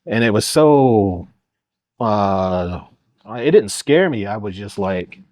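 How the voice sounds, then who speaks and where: A man's voice: lowish voice, expressive, takes it slowly, darkish tone, dry recording. A middle-aged man from Oklahoma, a podcast guest telling stories in a casual, rambling way full of fillers. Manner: rambling, lots of uh and you know. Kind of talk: casual storytelling.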